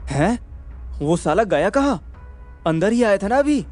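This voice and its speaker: A man's voice: sits high, sing-song, measured pace, darkish tone, faint music behind, voice pushed up. A man voicing a cheeky young male friend who talks in brash, slangy, mocking banter.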